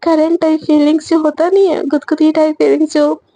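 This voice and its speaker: A woman's voice: high voice, little pitch movement, brisk, dark tone, dry recording. A woman casually narrating a romantic story in a chatty way, slipping into each character's lines.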